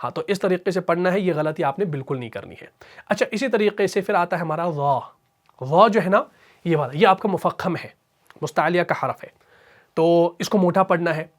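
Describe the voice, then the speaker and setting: A man teaching a tajweed lesson. He explains pronunciation briskly and drills syllables slowly and repeatedly. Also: on the high side. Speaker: Quran recitation teacher. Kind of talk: tajweed lesson with recitation examples.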